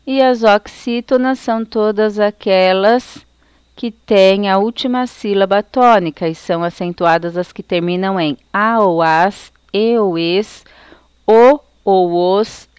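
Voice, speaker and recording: A woman teacher with a Brazilian accent, slowly explaining a recorded lesson to children. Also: medium pitch, smooth, no echo. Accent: Brazilian Portuguese. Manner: slow, careful explanation, reading out lists.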